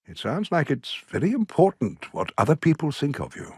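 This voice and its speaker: An actor voicing a composed British male therapist in a cartoon, speaking in a calm, measured, dry way. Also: fairly high pitch, breathy edge, dry recording, heavily acted. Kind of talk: cartoon voice acting.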